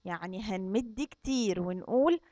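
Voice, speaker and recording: A woman with an Egyptian accent teaching young children, drawing out her recitation slowly and explaining quickly between verses. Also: mid-range voice, expressive, mellow, no room sound. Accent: Egyptian Arabic. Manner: slow, drawn-out recitation with fast explanations between. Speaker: kindergarten Quran teacher. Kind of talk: recorded online lesson for young children.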